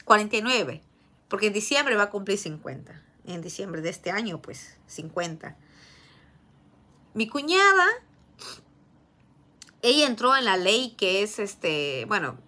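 A woman's voice: mid-range voice, pushed and bright. A woman in her thirties with a Peruvian Spanish accent, telling a family story in a chatty vlog, often laughing and full of fillers. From Peru. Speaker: vlogger. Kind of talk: casual storytelling.

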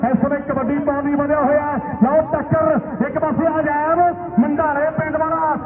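A man's voice: extremely high pitch, little pitch movement, moderate pace. A man with a Punjabi accent announcing and commentating at a rural kabaddi match in a declamatory way. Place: outdoor village sports ground. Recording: tinny echoing PA, distant, noisy.

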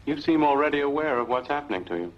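An actor playing a middle-aged doctor, earnest, precise and formal, in a 1950s film. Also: male voice, a little high, lively intonation, fast talker, close to an everyday voice. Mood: grave, concerned. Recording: muffled old 1950s film soundtrack.

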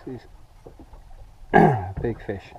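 A man's voice: lowish voice, expressive, takes it slowly, muffled recording. A man talking casually as he coaches someone through reeling in sharks from a small boat at sea, filmed on an action camera. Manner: coaching and narrating while fishing. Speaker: fishing channel host. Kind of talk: casual on-the-spot commentary. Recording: wind and water noise.

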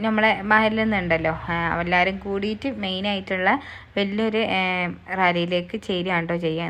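Fast-talking young woman. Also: medium pitch. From Wayanad, Kerala. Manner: chatty, tags sentences with a friendly "tto". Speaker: vlogger. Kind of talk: casual voice-over narration of a day.

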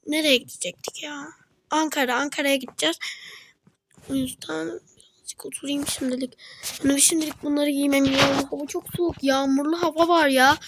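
A woman narrating a game role-play, talking to herself in a whiny, complaining way with sighs. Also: high voice. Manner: talks to herself about chores.

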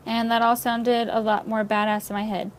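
A woman's voice: a little high, level tone, moderate pace, slight background noise, low-quality recording. A young woman casually commenting while playing a video game, chatty and prone to swearing. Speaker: let's play host. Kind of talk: casual let's play commentary.

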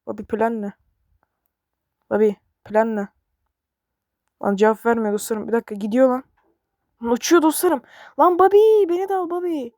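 A woman giving excited gameplay commentary, chatty and talking straight to her viewers, recorded on a bassy microphone. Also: dry recording, clean studio sound. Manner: excitable, frequently yelling to her game companion; chatty, addresses viewers directly. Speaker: gaming video creator.

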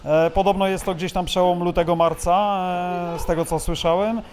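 A man's voice: sits high, fairly even intonation, normal speed. A male interviewer asking friendly, casual questions with fillers, holding a handheld mic in a busy indoor gym. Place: busy indoor fight gym during training. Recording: noisy gym crowd around. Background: crowd of people training.

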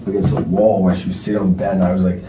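A young man under police questioning, talking haltingly and filling nearly every phrase with "like". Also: low voice, level tone. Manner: halting, filler-heavy, constantly says like. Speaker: suspect being questioned. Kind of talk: police interrogation. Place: police interview room. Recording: roomy distant recording with faint noise.

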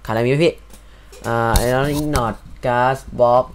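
A young man casually commenting while he plays a block-building game, chatty and joking, with loud exclamations. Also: medium pitch, fairly even intonation, slow, background noise. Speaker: gaming video host.

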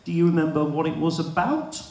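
Higher-voiced man asking rambling questions. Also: lively intonation, brisk, dark tone. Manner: eager, rambling questions with hesitations. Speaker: stage interviewer. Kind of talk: on-stage interview. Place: large expo hall stage. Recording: echoey hall mic heard from a distance.

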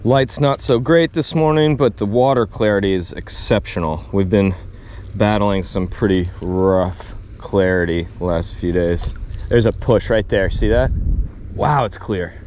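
A fly fishing vlogger in his thirties chats excitedly on camera from a small open boat on the water, poking fun at himself as he fishes. His voice is lowish and a little slow. An action camera on the boat captures the casual narration, with slight background noise outdoors.

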